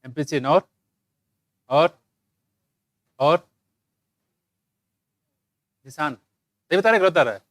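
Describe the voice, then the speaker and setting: A man lectures a classroom of students. His voice sits high, and the sound is dry and close, with no room echo. He teases and scolds in turns, calling on students by name. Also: takes it slowly, pauses often. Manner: teasing, scolding, jokey, calls students by name. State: dry throat from shouting. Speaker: biology teacher. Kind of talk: live classroom lecture with quizzing.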